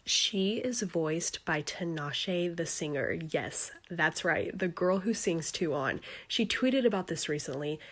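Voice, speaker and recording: A woman's voice: on the low side, expressive, slow, hardly any pauses, a bit bright. A woman chattily narrating fun trivia in a casual, enthusiastic way.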